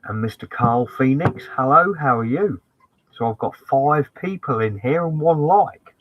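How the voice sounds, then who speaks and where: A man's voice: mid-range voice, animated, unhurried, no echo, dull audio. A man on a casual van-life live stream, talking from inside his converted van and cheerfully greeting viewers by name. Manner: upbeat, greets viewers by name, keeps saying "fantastic".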